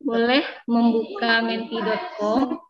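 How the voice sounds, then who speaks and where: A woman's voice: on the high side, flat delivery, slow, crowd noise. An Indonesian-accented woman speaking through a face mask, giving a semi-formal seminar talk in a conversational way that often checks in with listeners. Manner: conversational, frequently checking with listeners using tag phrases. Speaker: guest lecturer at an online seminar. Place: room on a university campus, on a video call. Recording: dull lo-fi video call audio.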